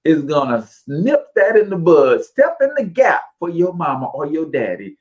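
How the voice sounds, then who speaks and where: A man in his forties hosting a casual podcast, telling animated, folksy stories that lean on church sayings. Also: on the high side, normal speed, low-quality recording. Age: 40s. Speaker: podcast host.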